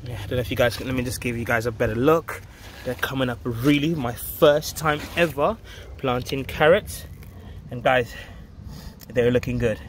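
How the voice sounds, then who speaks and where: Speaking at normal speed in a medium-pitched voice, a man in his thirties, an allotment gardener who hosts a vlog, delivers a casual, enthusiastic update to viewers. He talks emphatically into a handheld phone held close, outdoors on the allotment. Outdoor ambient sound and vehicle noise are audible.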